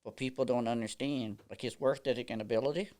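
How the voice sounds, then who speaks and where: Talking fast in a mid-range voice, a baseball umpire spins yarns during a laid-back podcast conversation where he's the guest. He's lively, laughs through his anecdotes, and fills his speech with fillers.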